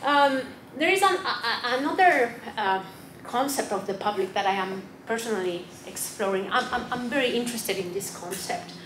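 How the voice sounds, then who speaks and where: A woman's voice: fairly high pitch, animated, normal speed, fairly bright tone. Hesitant Chilean woman presenting in a hall. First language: Spanish. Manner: hesitant, many fillers and restarts. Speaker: academic panelist. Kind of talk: symposium presentation. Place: conference room. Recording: echoey hall with noise.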